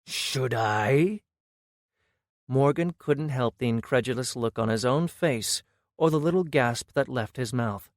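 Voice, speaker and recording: A man reading a fantasy audiobook in steady, measured scripted narration. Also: mid-range voice, no room sound, clean studio sound.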